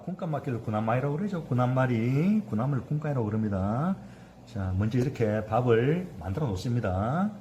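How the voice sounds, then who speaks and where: A man's voice: medium pitch, dark tone, slight background noise. A man in his fifties, a cooking instructor giving a hands-on sushi demonstration, chatty and constantly asking his class to agree.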